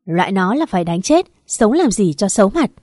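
A woman's voice: mid-range voice, sing-song, brisk, a little mellow, dry recording, clean studio sound. A woman voicing an enraged village father who bellows at his daughter with contempt.

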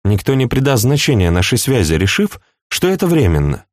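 A man's voice: mid-range voice, big pitch swings, a little fast, no echo, clean studio sound, natural voice. A man reading an audiobook, voicing a proud and passionate young princess in a raised, pleading voice. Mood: dismissive.

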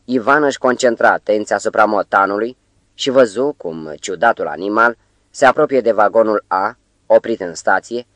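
Man reading an audiobook, low voice, even storytelling, dry close mic. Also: no echo. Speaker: audiobook narrator. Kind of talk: scripted narration.

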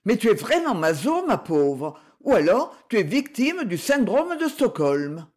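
A reader doing a blunt woman friend, scolding, exclaiming, high and loud, lively. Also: measured pace. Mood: indignant.

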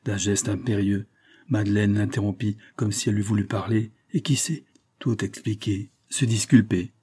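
Low husky male audiobook narrator. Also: fairly even intonation, moderate pace, dark tone. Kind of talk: scripted literary narration.

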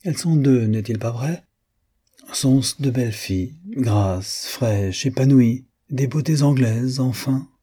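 A man voicing a vain, fussy wealthy gentleman who talks in a pompous, condescending way. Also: medium pitch, takes it slowly, breathy edge, pitched above the performer's own voice.

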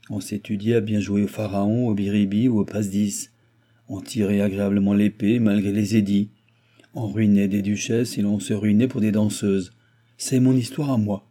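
A man voicing a grumbling old aristocratic baron who blusters and mocks, with loud outbursts, in an audiobook. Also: fairly low pitch, close to an everyday voice. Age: older. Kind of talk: audiobook character voice.

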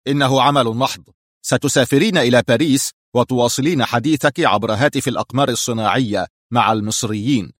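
A man's voice: mid-range voice, fast talker, no room sound, clean studio sound, close to an everyday voice. A man voicing a stern male crime boss who gives clipped, cold orders.

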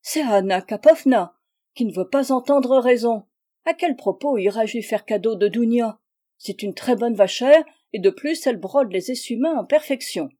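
A woman's voice: mid-range voice, animated, normal speed, dark tone, natural voice. A woman reading aloud, voicing a proud, touchy provincial spinster who plays hostess, in a prim, affronted manner. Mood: offended.

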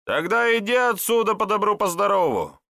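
Guy putting on a bossy sneering estate man, high and loud, lively swings. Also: a little slow, no echo, clean studio sound, heavily acted. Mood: mocking. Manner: mocking, bossy, shouting orders. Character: suspicious bossy kitchen-yard man. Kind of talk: audiobook character voice.

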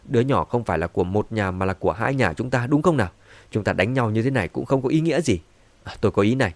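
A man doing a smooth, placating schemer. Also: on the low side, animated, quick pace, dry recording. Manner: soothing, conciliatory. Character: smooth, placating middle-aged man, cunning peacemaker.

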